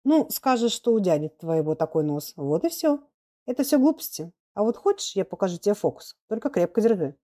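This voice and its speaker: A woman's voice: mid-range voice, big pitch swings, a little fast, dark tone, pitched above the performer's own voice. A woman reading a storybook, voicing a sly, mischievous older schoolboy. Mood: wheedling. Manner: sly, wheedling.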